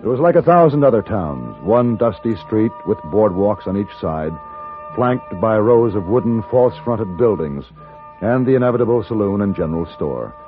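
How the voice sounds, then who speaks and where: An actor playing a calm, steady gunfighter who narrates in a measured, deliberate way, in a 1950s radio drama. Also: male voice, fairly low pitch. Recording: tinny old radio broadcast with music.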